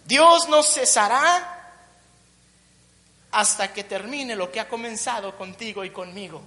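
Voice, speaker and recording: A woman's voice: mid-range voice, unhurried, bright, forceful tone. A woman preaching a sermon, building emphatic repeated phrases and tossing in joking asides. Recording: long reverb of a large hall.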